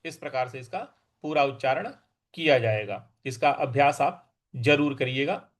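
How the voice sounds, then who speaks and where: A man teaching scripture recitation, chanting verses slowly and drawn out, then explaining pronunciation in quick asides. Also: medium pitch. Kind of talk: recitation lesson.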